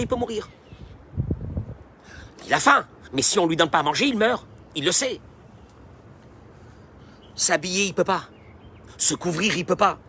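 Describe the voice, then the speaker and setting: A man giving a sermon as a rabbi, animated and emphatic and speaking straight to his listeners. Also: high voice, breathy edge.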